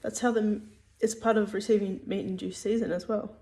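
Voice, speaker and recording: A woman's voice: medium pitch, flat delivery, fairly quick, warm tone. A woman giving a casual spoken religious teaching, hesitant, with many fillers and restarts.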